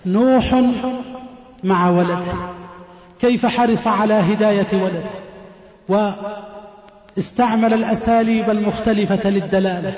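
A man delivers a sermon in a high, fairly flat voice, stepping through his points and repeating phrases for weight. His voice rings out in a large prayer hall with a long, echoing tail. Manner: measured, repeats phrases for emphasis. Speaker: preacher. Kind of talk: Friday sermon. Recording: echoey hall with long reverb.

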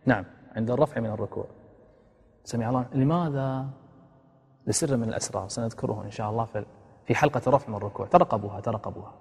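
Fast-talking husky male religious teacher. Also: medium pitch, darkish tone, in a large hall. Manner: poses rhetorical questions and demonstrates the phrases he teaches. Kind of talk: religious lesson on prayer.

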